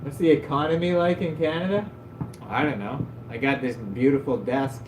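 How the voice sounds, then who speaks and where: A home-desk streamer chats casually, telling rambling stories peppered with "like" and self-mocking laughs. He has a mid-range voice and a moderate pace. The room is echoey, and a faint hum runs underneath.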